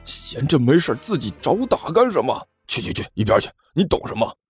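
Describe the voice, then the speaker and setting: A man's voice: medium pitch, sing-song, a little fast, slightly rough, soft background music, voice pushed up. A man voicing a sly, cowardly male thug leader who whines and wheedles. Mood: wheedling. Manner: wheedling, whiny.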